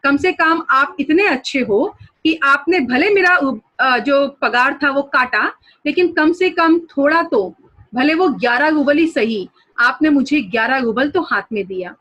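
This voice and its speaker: A woman's voice: high voice, lively intonation, a little slow, a bit bright, lo-fi sound. A woman reading as a timid young servant girl. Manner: fearful, meek.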